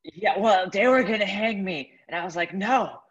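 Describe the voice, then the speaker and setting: A man's voice: moderate pace, fairly bright tone, lo-fi sound. A young man voicing a rude male assassin with a strained, damaged-sounding voice. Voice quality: strained, lowered voice.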